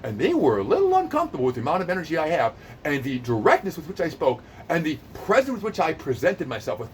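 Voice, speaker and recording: A man's voice: fairly high pitch, slight background noise. A man in his late fifties, a personal trainer, delivering an improvised, intense and direct monologue to camera with a boastful edge. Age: 50s. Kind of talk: improvised high-energy monologue.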